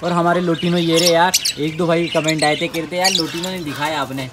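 A chatty man with a fairly high voice talks casually through a pet vlog, getting animated as he exclaims at his birds. He is recorded on a phone in an outdoor yard. Birds chirp and squawk loudly behind him. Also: brisk, very noisy. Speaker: pet vlogger. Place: outdoor backyard with bird pens.

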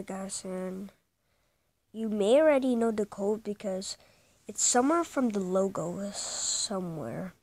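A woman's voice: mid-range voice, gravelly. A woman hosting a casual gaming video, rambling with lots of hesitant ums as she talks through the game. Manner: hushed at times so as not to wake someone. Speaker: gaming channel host.

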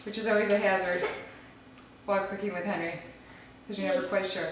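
A woman in her thirties speaks briskly in a steady, mid-range voice over a noisy crowd, patiently hosting a casual home cooking demonstration while coaxing small children along. She is a mother filming in a large indoor kitchen with a camera across the counter. The sound is echoey, with clattering pans, dishes, clicks, and kids in the background.

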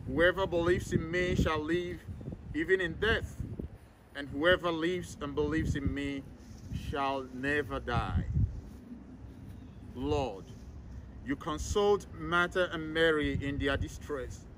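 A man leading a solemn graveside prayer as a priest, reciting in a measured, formal way outdoors. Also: a little high. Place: outdoors in an open cemetery. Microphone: camera several meters away, speaker masked. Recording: outdoor recording with clear background noise.

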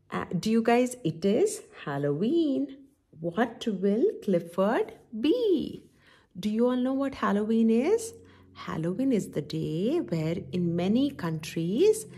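Sitting by a window in a room at home, a middle-aged woman hosts story time for children. She reads a picture book in an expressive, teaching manner and poses questions to her young audience, her voice on the high side and husky.

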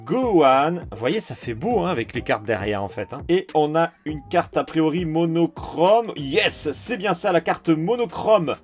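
Male host, casual pack-opening chat, eager and talkative, slightly raised pitch. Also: animated, unhurried, hardly any pauses, soft background music. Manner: enthusiastic, chatty, addresses viewers directly. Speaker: YouTube card collector. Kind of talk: casual card-opening commentary.

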